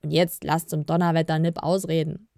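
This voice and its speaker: A woman voicing a tired, stern male elf leader with a deep voice, in a storybook reading. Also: level tone, brisk, creaky, warm tone, no room sound, clean studio sound.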